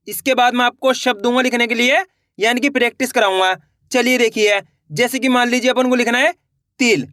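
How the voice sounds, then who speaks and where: A man's voice: extremely high pitch, bright, forceful tone, no echo, studio quality. A man teaching beginners to write words step by step, repeating each word and asking the viewer questions. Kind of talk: slow spelling lesson for beginners.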